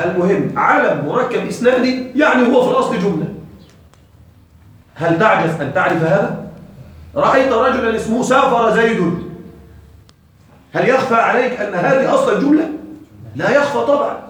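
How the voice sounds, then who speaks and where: A man in his thirties teaching an Arabic grammar class, quizzing his students with quick questions and repeating each term for them. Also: very high-pitched, lively intonation, fairly bright tone, very echoey, far from the mic, low-quality recording.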